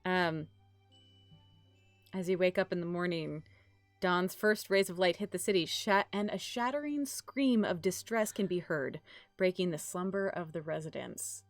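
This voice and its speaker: A woman's voice: on the low side, measured pace, dry recording, soft background music. Rambling woman game master, dry close sound. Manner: rambling, with many fillers and self-corrections. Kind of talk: narrating a tabletop role-playing game.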